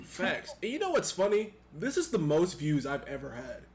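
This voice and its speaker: A young man co-hosting a casual podcast with friends, loud, profane and excitable, often breaking into laughter. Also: a little high, moderate pace, noisy background. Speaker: podcast co-host. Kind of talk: casual chat among friends.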